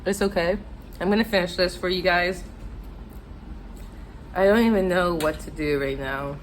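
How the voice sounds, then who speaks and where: A woman's voice: on the low side, normal speed, slight background noise. An American woman telling a casual, chatty, self-deprecating story to viewers while eating, her mouth sometimes full. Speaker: mukbang vlogger telling stories.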